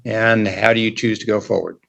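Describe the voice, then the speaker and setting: An American man speaking as a judge in a court hearing, explaining rights and procedure in a measured, formal, plain-spoken way. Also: fairly low pitch, fairly even intonation, creaky, fairly bright tone, dull audio. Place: court hearing held over video call.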